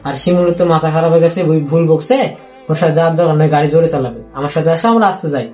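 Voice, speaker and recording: Young guy, rajshahi bengali accent, telling his story all halting and repetitive, kinda high but mellow voice, faint music behind. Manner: halting and repetitive, with many restarts. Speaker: interviewee. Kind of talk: recounting a personal story.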